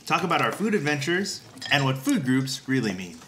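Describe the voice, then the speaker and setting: A man's voice: medium pitch, big pitch swings, a little fast, fairly bright tone, a little hiss or hum. A man hosting a podcast at a restaurant table, chatting casually, laughing often and trying to keep things moving. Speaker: podcast host. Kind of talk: casual chat. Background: dishes and cutlery clatter.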